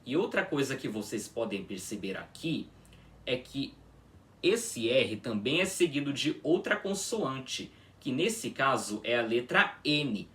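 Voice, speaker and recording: A man teaching a pronunciation lesson, demonstrating each sound slowly and checking in with his students. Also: mid-range voice, sing-song, bright, forceful tone, distant mic. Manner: drawn-out patient demonstrations, frequent "tá?" checks. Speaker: language teacher.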